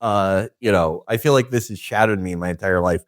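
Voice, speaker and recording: A man co-hosting a podcast, telling stories in an animated, profane casual chat. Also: low voice, brisk, no room sound, clean studio sound. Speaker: podcast co-host.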